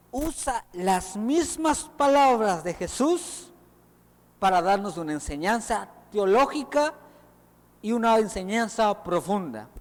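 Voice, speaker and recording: A man from El Salvador preaching a sermon in a church, animated and acting out the voices he quotes. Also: high-pitched. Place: church hall. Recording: long reverb of a church hall.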